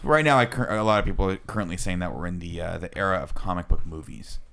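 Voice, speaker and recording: Introducing his topic on a casual panel podcast, an American co-host in his thirties rambles earnestly through explanations and questions. He talks fast in a deep, fairly bright voice with vocal fry.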